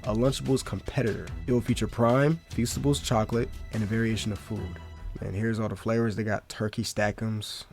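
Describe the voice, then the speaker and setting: Gravelly young man rambling in slang. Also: on the low side, steady tone, a little fast, a little mellow, faint music behind. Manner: rambling, slangy, lots of "bro" and "like". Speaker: commentary YouTuber. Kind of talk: casual commentary.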